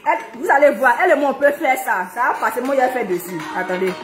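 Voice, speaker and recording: Her voice high-pitched and lively in intonation, this singer talks quickly and casually, cracking jokes and slipping into sung worship lines. She's a bit breathless, and music plays in the echoey room.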